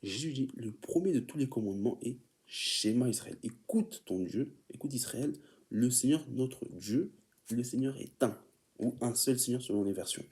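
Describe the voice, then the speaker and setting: A man's voice: mid-range voice, animated, moderate pace, darkish tone. A man preaching an informal teaching sermon, often stumbling and repeating words as he reads definitions aloud and calls his listeners beloved.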